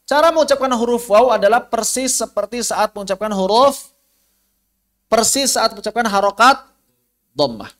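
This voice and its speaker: A man's voice: very high-pitched, lively intonation, normal speed, fairly bright tone. A man with an Indonesian accent teaching tajwid online, patiently demonstrating how letter sounds are pronounced.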